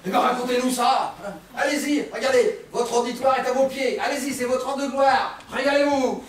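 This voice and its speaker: Actor playing a sardonic stage inspector, high-ish voice, very echoey hall with audience. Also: male voice, lively intonation, brisk, distant mic, slight background noise. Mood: needling. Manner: needling, ironic questioning. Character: wry, probing male police inspector. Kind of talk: amateur stage comedy. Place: theatre stage.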